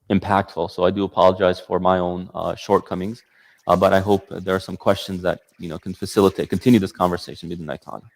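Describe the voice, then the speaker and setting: A man with a fairly low voice delivers a passionate talk, leaning on rhetorical questions. A long reverb hangs behind him in the hall. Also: gravelly. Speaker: speaker giving a talk. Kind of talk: lecture with audience Q&A.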